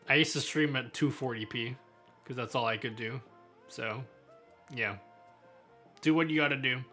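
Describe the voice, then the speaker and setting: A man's voice: medium pitch, bright, forceful tone. A man streaming live, chatting casually with viewers and answering their questions in a laid-back way, often laughing and trailing off mid-sentence.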